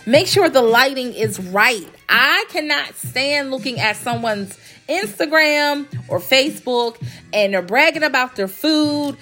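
Soft background music accompanies a woman who runs a graphic design company as she hosts a casual solo podcast. Her high-pitched voice is animated, unhurried and sharp in tone, congested as she recovers from illness, chatty and emphatic, with repeated phrases for stress.

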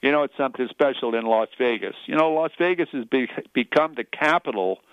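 A man's voice: medium pitch, a little fast, smooth, dry recording. A man hosting a sports talk radio show, effusive and promotional, repeating phrases for emphasis. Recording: slightly dull, dry radio sound.

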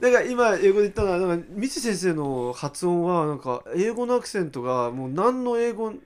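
A man's voice: high-pitched, big pitch swings, a little fast. A man co-hosting a casual podcast, a former teacher who talks animatedly, laughs often and reads out listener messages.

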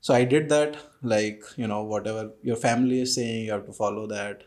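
A man with a North Indian accent and Hindi as his first language, answering casually as an interview guest, haltingly, with many fillers and check-in tags. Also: lowish voice, steady tone, darkish tone. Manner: halting, filler-heavy, frequent "you know" and "right?". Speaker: interview guest, startup co-founder.

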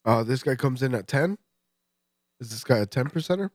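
Congested and stuffy, this man co-hosts a podcast, cursing, joking and laughing frequently as he casually breaks down a beer he's tasting. His medium-pitched voice is expressive, brisk and somewhat dark, recorded in studio quality with no echo.

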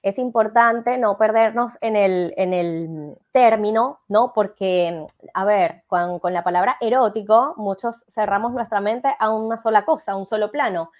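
On dull-sounding audio, a life coach from Venezuela, speaking with a Venezuelan accent, lays out her ideas as an interview guest. She talks unhurriedly in a mid-range voice, leaning often on fillers and tag questions.

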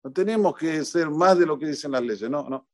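A man with an Argentine Spanish accent speaks fairly quickly in a fairly high voice, and the recording is dry. As a rabbi giving a casual Torah talk in a synagogue, he cracks jokes and quizzes the congregation. He keeps the mood lively and repeats key points for emphasis.

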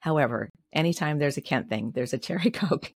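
A woman's voice: low-pitched, expressive, fairly quick, breathy edge, no echo, clean studio sound. A woman in her sixties, a podcast guest, telling a personal story candidly and heartfelt, with light laughs. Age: 60s.

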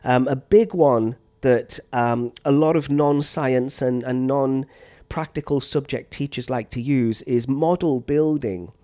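A science teacher with a mid-range voice walks other teachers through classroom activities in a relaxed, unscripted teacher training talk. He fills pauses with ums and restarts phrases, and a slight cough lingers from a chest infection.

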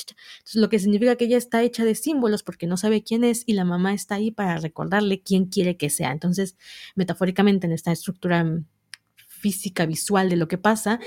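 A woman's voice: on the low side, darkish tone, no room sound, studio quality. A woman casually recapping a manga, chatty and explanatory, often checking in with the listener. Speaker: manga reviewer.

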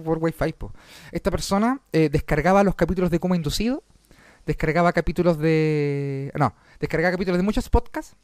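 A Chilean comedian and podcast host telling stories in a casual, swearing, laugh-filled chat. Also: male voice, a little high, no room sound. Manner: swearing, animated, laughs often.

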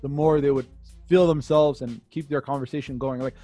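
A man from Canada in a casual group chat, telling stories quickly and often asking "you know what I mean". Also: mid-range voice, no room sound, soft background music. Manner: fast, animated storytelling with frequent "you know what I mean".

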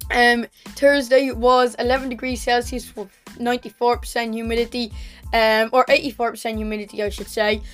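Young irish girl doing a running vlog, highish voice, chatty and matter of fact, bit of music behind her. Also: flat delivery, a little fast. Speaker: running vlogger. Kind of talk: casual training recap to camera.

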